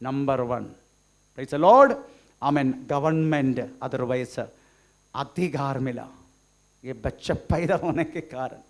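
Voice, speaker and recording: A man's voice: medium pitch, takes it slowly, long pauses. A man preaching a sermon in Hindi, mixing in English phrases and often calling out "praise the Lord" and "amen". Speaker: pastor.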